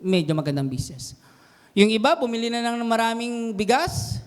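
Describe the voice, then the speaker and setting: A man preaching a sermon to a congregation, animated and mixing English phrases in, often putting questions to his listeners. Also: very high voice, a little fast, smooth. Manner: animated, mixes English into Tagalog, quizzes the congregation. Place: church hall. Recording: long hall reverb.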